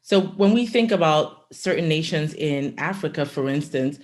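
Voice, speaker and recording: A woman's voice: low-pitched, lively intonation, darkish tone. A woman from Nigeria hosting an interview, affirming her guest as she asks questions. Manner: affirming, quick to agree. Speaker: host.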